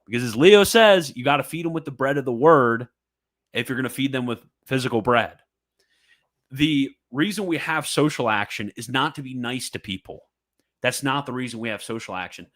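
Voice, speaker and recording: A man's voice: medium pitch, moderate pace, a bit bright. A man giving fervent, emphatic commentary, reading a religious text aloud and reacting with repetition and mocking asides.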